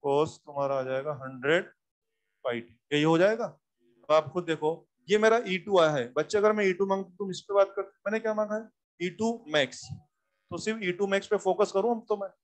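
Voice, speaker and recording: A man teaching physics in a lively classroom lecture, coaxing students with repeated questions and reminders. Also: high-pitched, normal speed.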